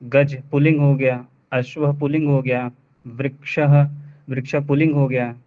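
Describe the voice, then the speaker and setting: Man, student, halting, repeats words, tinny phone-like call audio. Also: mid-range voice, flat delivery. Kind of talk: reciting answers in an online class.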